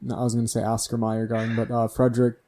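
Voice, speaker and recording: Mellow, laid-back Midwestern man. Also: medium pitch, monotone, fast talker. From American Midwest. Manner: laid-back, swears casually. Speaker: podcast co-host. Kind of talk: casual chat.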